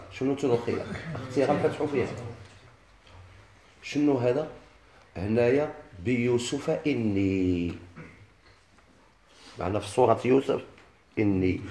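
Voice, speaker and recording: A man with a Moroccan Arabic accent teaching a lesson, asking questions and chanting verses slowly. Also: mid-range voice, darkish tone. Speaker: Quran recitation teacher. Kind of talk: lesson explaining a classical text. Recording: echoey room with faint noise.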